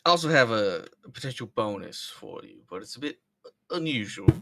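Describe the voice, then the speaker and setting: A man voicing a generous, commanding male ship captain who speaks loudly and declares things in a tabletop game. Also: medium pitch, sing-song, a little fast, creaky, noisy background. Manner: loud and declarative.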